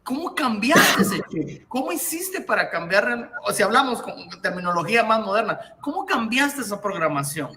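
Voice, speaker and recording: A man's voice: high voice, sing-song, normal speed, pushed and bright, slight background noise. A man hosting an interview, eagerly asking questions and agreeing with enthusiasm. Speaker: host.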